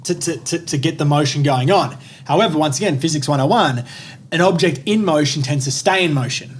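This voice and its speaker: A young man co-hosting a motivational podcast, talking in an energetic, emphatic way and swearing casually. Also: on the high side, fairly quick, husky. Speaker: podcast co-host. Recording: faint background noise.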